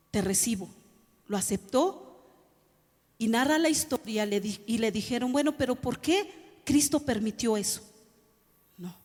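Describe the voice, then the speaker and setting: A woman's voice: fairly high pitch, big-room sound. A woman pastor preaching a sermon, addressing the congregation and asking them rhetorical questions. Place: church hall.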